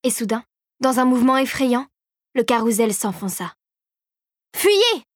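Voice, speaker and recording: A woman reads a storybook aloud with an expressive, scripted delivery. Her voice sits somewhat high and falls quieter in the tense moments. The recording is dry and close. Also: moderate pace, no room sound. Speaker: narrator.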